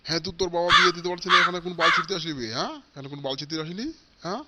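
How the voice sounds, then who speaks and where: A man voicing a stingy, foul-mouthed old father in a comic cartoon, shouting and cursing at his family. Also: fairly high pitch, rapid-fire, very noisy, lightly acted. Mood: angry. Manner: shouting, cursing, repeating threats.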